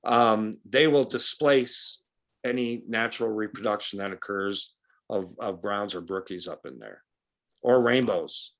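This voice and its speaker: A man's voice: lowish voice, lively intonation, a little slow, fairly bright tone. Blunt, folksy man from western New York. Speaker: guest speaker, fishing guide. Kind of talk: casual club talk.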